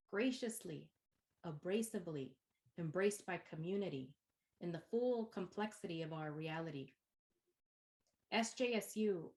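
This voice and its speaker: Her mid-range voice unhurried and rhythmic, a woman delivers a welcome address as poetic spoken word, in English sprinkled with Spanish. She is a Chicana from East San Jose, California, a university instructor who grew up speaking Spanish first. Her accent is Chicana English, and she switches into Spanish as she goes.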